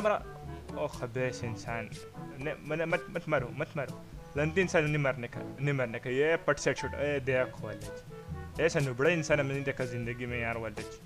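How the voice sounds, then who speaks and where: A man with a Pakistani Urdu accent commentates his own game in a comic, excitable way. He calls enemies names and reacts loudly to every shot. Background music plays under his voice the whole time. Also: medium pitch. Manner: excitable, mock-insulting, shouting at opponents. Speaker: gamer giving funny commentary.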